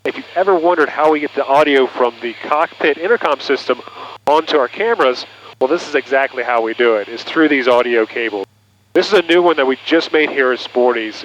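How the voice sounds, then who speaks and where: Like a pilot speaking over headset intercom, a man presents an instructional product demo in a mid-range, slightly bright voice. The sound passes through an aviation headset and intercom cable, leaving it muffled with noise as in a cockpit.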